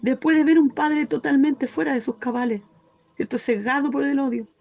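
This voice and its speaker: A woman's voice: sits high, steady tone, normal speed, gravelly, a little mellow, muffled recording. A woman teaching a Bible study sermon, reading scripture aloud and explaining it fervently, often asking "cierto?" and breaking into praise.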